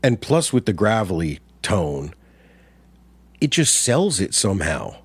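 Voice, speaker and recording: A man's voice: low voice, sing-song, unhurried, slightly rough, no echo. A man in his forties co-hosting a casual movie discussion, blunt and opinionated, swearing freely. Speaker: podcast co-host.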